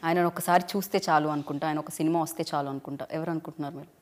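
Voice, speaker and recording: Rapid-fire South Indian woman interviewer. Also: sits low, fairly even intonation. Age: young adult. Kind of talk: casual interview, mixing languages. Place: indoor press studio.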